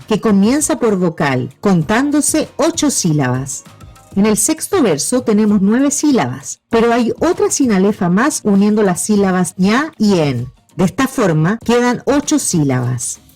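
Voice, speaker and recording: Lively teacher woman explaining step by step. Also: a little high. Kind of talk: scripted lesson narration.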